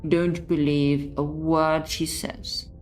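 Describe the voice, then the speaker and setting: A woman's voice: sits low, little pitch movement, slow, darkish tone, soft background music. A woman playing a stern, solemn narrator in a story game, with emphatic delivery and a British accent. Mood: stern warning. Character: stern, grave storybook narrator warning the hero.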